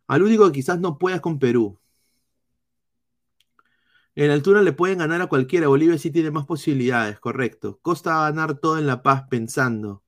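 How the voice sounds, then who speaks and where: A man with a Peruvian accent doing live football analysis, reading chat comments in a blunt, swearing style with halting restarts. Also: on the high side. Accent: Peruvian Spanish. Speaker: football streamer.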